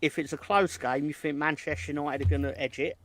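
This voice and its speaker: A man's voice: fairly high pitch, steady tone, fairly quick, fairly bright tone. A man co-hosting a casual football chat, full of wry, joking asides. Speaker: podcast co-host.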